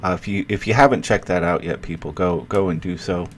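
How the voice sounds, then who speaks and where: A man hosting a casual live show, talking in a relaxed, laid-back way. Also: sits low, fairly quick, slightly rough. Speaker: host. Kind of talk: casual chat.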